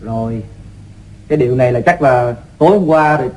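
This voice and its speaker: An actor playing a kindly, reassuring village doctor in an old-style radio drama, familiar and gently chiding, with a Southern Vietnamese accent. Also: male voice, mid-range voice, fairly quick, close to an everyday voice. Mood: chiding, examining. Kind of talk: radio drama acting in the manner of an old radio show.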